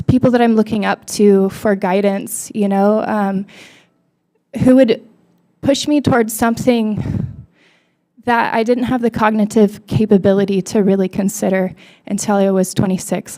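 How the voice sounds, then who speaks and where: A woman's voice: medium pitch, dark tone. Emotional young mother testifying. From Hawaii. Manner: emotional, conversational, with fillers like "you know". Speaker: testifier at a public hearing. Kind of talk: personal public testimony. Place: legislative hearing room. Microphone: podium microphone.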